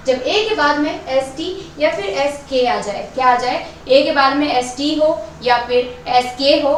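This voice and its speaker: A high-voiced woman teaches English pronunciation and reads example words one at a time, stopping often to check that it is clear. Her voice comes from some distance off the mic. The room is very echoey, with a faint hiss of noise underneath. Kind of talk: online lesson, explaining rules and reading example words.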